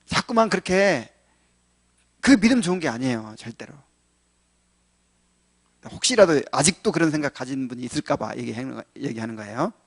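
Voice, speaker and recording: A man preaching as a pastor, teaching a catechism lesson to his congregation. He talks in a conversational way, asks the listeners rhetorical questions, and moves between loud, pressing lines and quiet asides. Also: mid-range voice, animated, brisk, long pauses. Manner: many fillers and restarts, swings from loud to quiet. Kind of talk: catechism lecture sermon.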